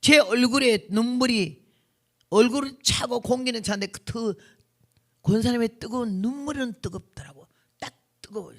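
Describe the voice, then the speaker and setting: A woman's voice: on the high side, moderate pace, fairly bright tone. A woman in her seventies, a missionary revival preacher, telling her testimony in a vivid, blunt, folksy way, acting out what people said. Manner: vivid, blunt, folksy storytelling with acted quotes. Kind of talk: sermon testimony storytelling.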